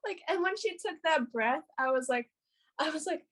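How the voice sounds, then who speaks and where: High-voiced, gushing young woman. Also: normal speed. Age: young adult. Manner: excitable, gushing, peppered with "like" and swearing. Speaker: podcast guest, pageant makeup artist. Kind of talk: casual storytelling.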